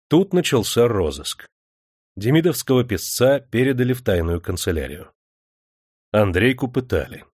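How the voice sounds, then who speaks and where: A man reading a historical novel aloud in steady audiobook narration. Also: fairly low pitch, dry recording, clean studio sound.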